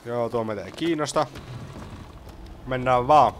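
A young man giving casual let's play commentary, swearing and excitable. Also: mid-range voice. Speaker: gaming streamer. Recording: game sound noise behind. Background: video game sound.

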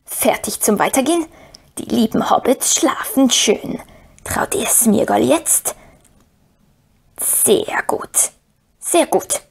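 A woman voicing a wretched, sly creature who whines and wheedles in a breathy whisper. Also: fairly high pitch, expressive, takes it slowly, long pauses, heavily acted. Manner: wheedling, talks of himself in third person.

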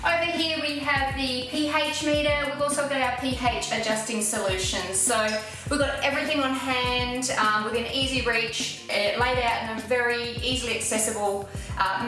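A woman's voice: on the high side, moderate pace. A woman in her forties with an Australian accent, giving an upbeat, practical guided tour of her cosmetic lab and talking straight to the viewer. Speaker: cosmetic chemistry educator. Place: small commercial lab with steel benches, indoors. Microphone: lapel mic. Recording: echoey lab room with background music.

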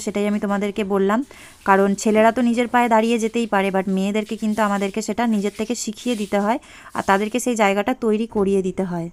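A woman's voice: mid-range voice, clear, resonant tone. A young woman from West Bengal with a Bengali accent, chatting casually to her viewers in a home vlog. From West Bengal, India. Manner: chatty, addresses viewers as friends. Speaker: home vlogger. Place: home, indoors.

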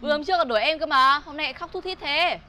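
A woman playing a sharp-tongued sarcastic girl. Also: sits high, very fast. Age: young adult. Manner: sarcastic, cutting retorts. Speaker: actress in comedy sketch.

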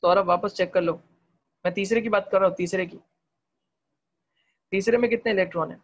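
A man teaching chemistry in an online class, talking fast, quizzing students with repeated questions and mixing English terms into Hindi. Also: high voice, fairly even intonation, dull audio. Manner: talks fast. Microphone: video call.

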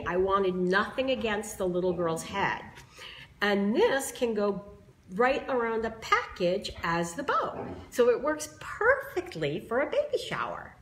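A slightly hoarse woman demonstrating bow making in a live craft tutorial, chatting with viewers as she explains each step. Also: mid-range voice, a bit bright. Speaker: craft tool creator demonstrating bows.

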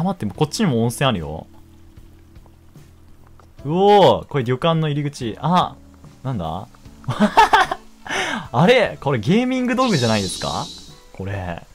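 A young man giving casual, jokey commentary while playing a game, quick to exclaim and laugh. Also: a little high.

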